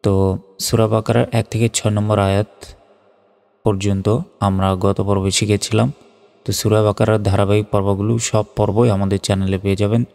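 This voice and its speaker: A man's voice: lowish voice, flat delivery, moderate pace, creaky, warm tone. A man teaching Quran reading, spelling each letter and vowel in turn and then chanting the whole word in a melodic recitation. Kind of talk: slow spelling-out recitation lesson. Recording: reverberant with faint background music.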